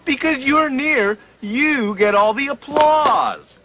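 A man's voice: extremely high pitch, slow, background noise. A man voicing a brash, bickering vaudeville comic in a theatrical cartoon sketch. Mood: indignant. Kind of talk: cartoon vaudeville sketch acting with sung lines.

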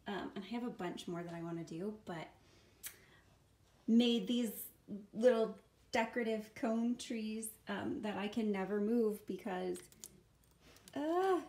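A woman's voice: medium pitch, a little mellow, slight background noise. A young woman chatting casually in a home vlog, filming herself at arm's length and talking to her pets. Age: young adult. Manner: chatty, upbeat, talks to her animals. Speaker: vlogger and pet sitter. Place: home, indoors. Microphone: handheld camera at arm's length.

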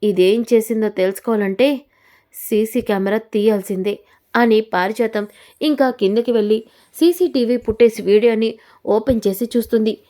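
A woman narrating a recap of a TV serial episode, retelling events in a steady, chaining way. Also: on the high side, normal speed.

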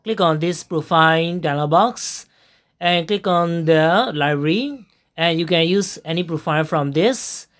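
Narrating over a screen recording, a woman with a lowish voice explains how to use some software. Her pace is slow, and she fills the gaps in her step-by-step directions with many pauses and uhs.

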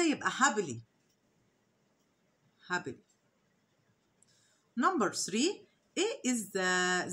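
A woman with an Egyptian Arabic accent, an English teacher, walking through exercise answers. She reads each English sentence slowly, then explains it in Arabic with questions to the students. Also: a little high, fairly bright tone. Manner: asks rhetorical questions to the students. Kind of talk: exam answer walkthrough lesson.

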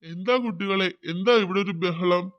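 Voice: medium pitch, normal speed, fairly bright tone, pitched below the performer's own voice, natural voice. A performer voicing a kindly, fatherly old Santa Claus in a cartoon.

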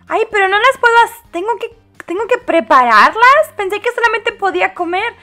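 A woman casually commenting on her gameplay, animated and dramatic, with frequent exclamations and giggles. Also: very high-pitched, normal speed, faint music behind. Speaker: host.

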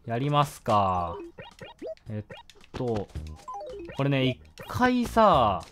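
A man casually commenting while playing a video game, with low mumbled asides. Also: wildly swooping pitch, extremely slow, fairly bright tone, soft background music. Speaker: game streamer. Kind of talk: casual let's-play commentary.

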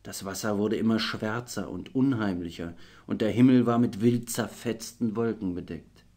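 Male audiobook reader, children's story, lowish voice, lively storytelling delivery. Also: normal speed. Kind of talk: children's book read aloud.

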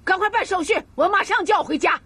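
A woman's voice: extremely high pitch, quick pace, pushed and bright, dry recording, heavily acted. An actress playing a doting elderly grandmother who fusses, sighs and repeats herself in a TV drama. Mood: stubborn, insistent. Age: older.

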